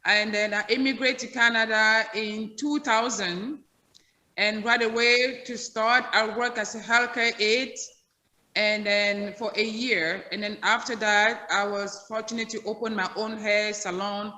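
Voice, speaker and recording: A woman from Cameroon, a salon owner, telling her story steadily, her phrases trailing off quietly. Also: medium pitch, steady tone, unhurried. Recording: echoey room with long reverb.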